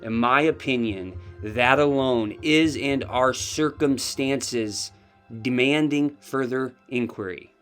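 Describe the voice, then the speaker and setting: A man's voice: mid-range voice, slow, a bit bright, soft background music. A man delivering scripted true crime commentary, pressing skeptical questions with pointed emphasis.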